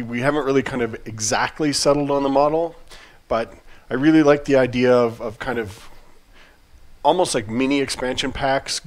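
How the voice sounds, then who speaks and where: A man talking in an easygoing, mid-pitched voice on a casual game-studio livestream. He rambles comfortably through updates, stumbling and restarting, and slips in dry teasing jokes along the way. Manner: relaxed, chatty, frequent restarts and fillers.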